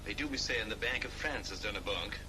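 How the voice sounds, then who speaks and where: An actor playing a jovial, thirsty Irish whiskey merchant with a broad stage brogue in a 1940s film. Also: male voice, lowish voice, fast talker, natural voice. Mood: pleading. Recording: noisy old film soundtrack.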